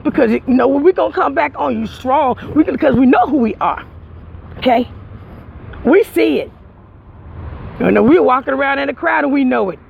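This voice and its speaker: A man's voice: very high-pitched, expressive, normal speed, creaky, pauses often, phone-quality sound, a little hiss or hum. A man talking emphatically and repetitively to his viewers outdoors, speaking from the heart. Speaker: vlogger. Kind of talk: casual heartfelt monologue to viewers.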